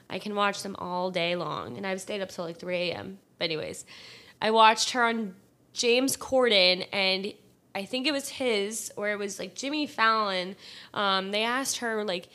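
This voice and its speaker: A woman's voice: mid-range voice, moderate pace, bright, forceful tone. A young woman co-hosting a podcast in casual chat, a rambling storyteller who laughs easily. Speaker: podcast co-host.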